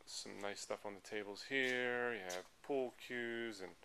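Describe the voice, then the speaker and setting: An American man with a mid-range, slightly slow voice and a bright, forceful tone rambles casually through an item-by-item walk-through as an auction presenter. He strolls through a large indoor auction hall full of tables, filming on a handheld camera he holds himself, and the audio carries clear background noise.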